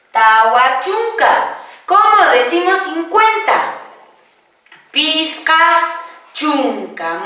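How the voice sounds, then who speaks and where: Slow-speaking woman teaching in an echoey room. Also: sits high, sharp tone, distant mic. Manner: patient, asks and answers her own questions, draws out numbers slowly. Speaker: Quechua teacher. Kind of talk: classroom-style language lesson, question and answer.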